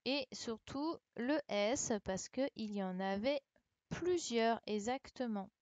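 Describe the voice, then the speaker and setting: A woman's voice: fairly high pitch, expressive, slow, darkish tone, no room sound. A woman teaching an online class, patiently spelling out letters and checking that her pupils follow. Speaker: primary school teacher. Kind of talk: online class, correcting a dictation. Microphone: computer mic on a video call. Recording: dull, lo-fi sound.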